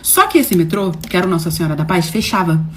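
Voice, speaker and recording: Fast-talking animated carioca woman. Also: lowish voice, a little hiss or hum. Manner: animated, dramatic, slangy, swings loud and soft. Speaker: storyteller host. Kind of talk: casual storytelling to camera.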